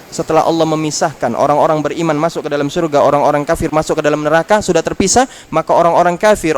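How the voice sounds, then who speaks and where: Indonesian preacher man, chatty and joking. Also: on the high side. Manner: chatty, jokes with the audience, recites Arabic. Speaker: Islamic preacher. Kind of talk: mosque study lecture.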